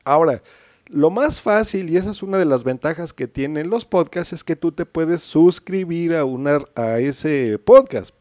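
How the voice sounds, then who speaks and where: A man's voice: a little high, expressive, normal speed, darkish tone, no room sound, clean studio sound. A man with a Mexican accent hosting a podcast, explaining in a chatty way and often asking "¿no?". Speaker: podcast host. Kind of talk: casual instructional chat.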